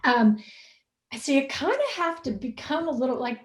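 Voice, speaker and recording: A woman recruiter talks over a video call in a loose, animated storytelling way. Her voice sits a little high, and she breaks into laughs often. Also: moderate pace. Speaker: guest, recruiter. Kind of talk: casual storytelling in an interview.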